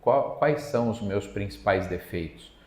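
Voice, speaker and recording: A man's voice: on the low side, measured pace, a little mellow. A man from Brazil giving an evening spiritist lecture in a conversational way, acting out quoted dialogue. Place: spiritist center meeting hall. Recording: echoey lecture hall.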